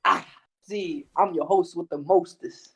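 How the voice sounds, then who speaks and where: Laid-back, slangy podcast co-host. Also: male voice, high voice, steady tone, measured pace, fairly bright tone. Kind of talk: casual podcast chat.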